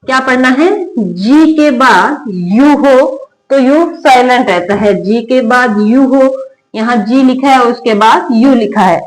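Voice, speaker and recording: Woman drilling spelling rules, higher voice. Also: takes it slowly, rough recording. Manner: repetitive call-and-response drilling, asking and answering her own questions. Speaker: English teacher. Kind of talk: spoken English lesson in Hindi.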